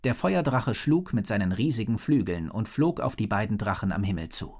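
A man narrating a children's fantasy story in a lively, expressive reading. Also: lowish voice, a little fast. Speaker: audiobook narrator.

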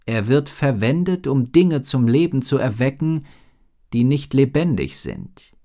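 A man reading a storybook and voicing a worried, wise female head sorceress who speaks slowly and gravely. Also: mid-range voice, sing-song, mellow, voice pushed up.

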